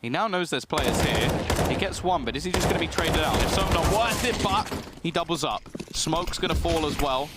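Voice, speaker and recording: A man's voice: fairly high pitch, lively intonation, moderate pace, very noisy. A man commentating a match play-by-play as an esports caster. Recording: loud gunfire in game feed.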